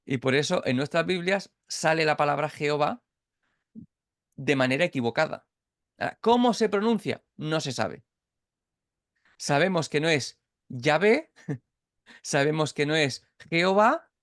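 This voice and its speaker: In a casual Bible lesson held by video call, a man from Catalonia explains things one step at a time, restarting often and checking comprehension. He sounds a little high and a bit bright, animated yet unhurried, captured in a clean studio recording without room sound.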